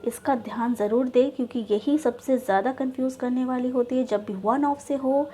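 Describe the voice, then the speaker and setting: A woman teaching an English grammar lesson, explaining step by step and reading example sentences out slowly. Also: high-pitched, warm tone, slight background noise. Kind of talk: classroom-style grammar lesson.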